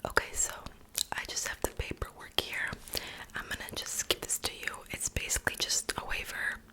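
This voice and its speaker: A woman's voice: moderate pace, low-quality recording. Woman in a whispered role-play. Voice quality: unvoiced, breathy whisper. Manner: soft, casual, chatty, reassuring. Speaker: ASMR creator playing a piercer.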